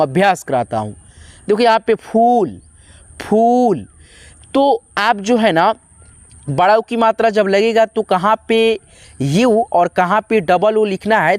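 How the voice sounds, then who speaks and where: A man's voice: sits high, no echo. A man teaching an English spelling lesson, spelling each word out letter by letter and checking in with his viewers again and again. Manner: slowly spells out letters, often adds "theek hai" to check in; addresses viewers as friends, patient and repetitive.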